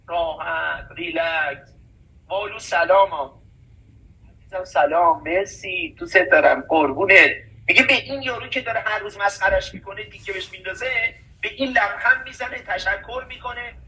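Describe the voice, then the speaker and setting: A man in casual conversation, talking in an animated, preachy way and reciting verses as he goes. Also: high-pitched, distant mic, poor audio. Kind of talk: casual chat.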